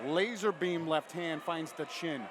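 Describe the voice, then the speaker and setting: A man calls a fight live from cageside, his voice high and hyped. He commentates emphatically, with clear venue noise behind him. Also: unhurried. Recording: noisy live venue ambience.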